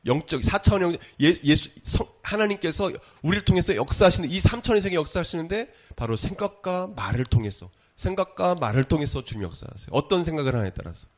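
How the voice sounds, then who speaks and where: A man's voice: fairly high pitch, lively intonation, quick pace, few pauses. Emphatic male pastor preaching. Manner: emphatic, swings between loud exclamations and hushed asides; asks the congregation rhetorical questions. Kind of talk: sermon.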